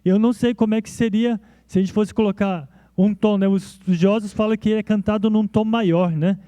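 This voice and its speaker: A male pastor preaching a sermon in a relaxed, conversational way, often checking in with his listeners. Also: sits high, normal speed, smooth, dry recording. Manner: conversational, frequent "né?" tags and restarts. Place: church.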